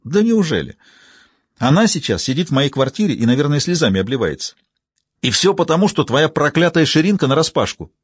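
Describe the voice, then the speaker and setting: A man's voice: a little high, sing-song, fairly quick, slightly rough, no echo, studio quality, voice pushed up. A male narrator voicing a furious, scornful woman police detective confronting her father in an audiobook. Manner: accusing, scornful.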